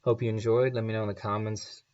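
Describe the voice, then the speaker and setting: A man hosting his channel in a casual chat, rambling and chuckling as he reads viewer comments, heard through low-sample-rate audio from a remote setup. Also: little pitch movement, fast, darkish tone. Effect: low sample rate, muffled low-quality audio. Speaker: channel host.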